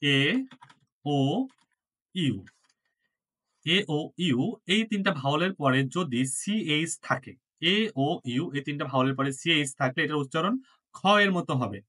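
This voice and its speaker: A man teaches a language lesson, with Bengali as his first language. His voice sits a little high and sounds bright and clear. He repeats each word slowly and patiently, mixing English into his explanations. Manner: patient, repeats words slowly, drills pronunciation; mixes English words into his talk. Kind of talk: classroom lesson.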